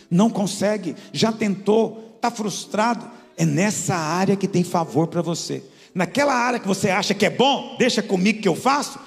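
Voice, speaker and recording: A man, a pastor, preaching a sermon. He tells stories and moves between quiet asides and high, emphatic peaks. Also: creaky. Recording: reverberant church hall with soft music.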